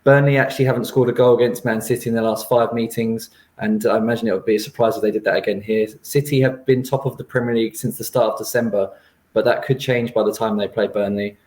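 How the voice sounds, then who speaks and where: Guy rattling off team news fast, echoey room. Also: lowish voice, steady tone, a little mellow. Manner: rundown of team news, some hesitations. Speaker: football analyst. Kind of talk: match preview.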